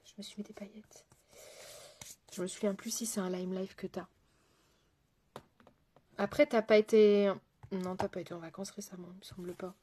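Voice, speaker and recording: Woman makeup artist on a live stream, chatting with viewers, lots of euh and trailing off, middle pitch. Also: darkish tone. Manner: chatty and loose, answers viewer comments as she works; frequent fillers and trailing off mid-sentence.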